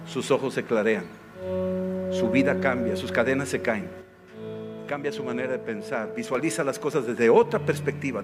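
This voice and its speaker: A man, a pastor preaching a sermon in a lively style, full of questions to the congregation. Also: medium pitch. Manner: animated preaching with many rhetorical questions. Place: church service.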